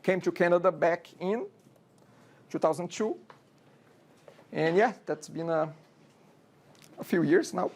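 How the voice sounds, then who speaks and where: A Brazilian man in his forties, speaking with a Brazilian accent, teaches programming in a university classroom. His voice is high-pitched and a little mellow, and he talks unhurriedly with frequent pauses. The lecture is casual, and he keeps checking in with "okay?" and rhetorical questions.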